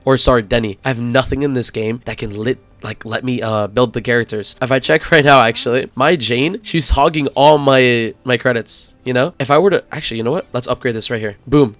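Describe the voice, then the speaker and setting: A man's voice: mid-range voice, fairly quick, hardly any pauses, a bit bright, no echo, soft background music. Sick, apologetic young man gaming host. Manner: apologetic, rambling. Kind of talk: casual game guide outro.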